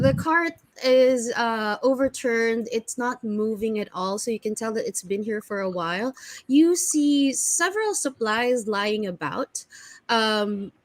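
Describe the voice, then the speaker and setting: A woman's voice: fairly high pitch, a little mellow, dry recording, low-quality recording. A woman, narrating as dungeon master in a casual, hesitant way with many fillers and self-corrections. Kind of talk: narrating a tabletop game.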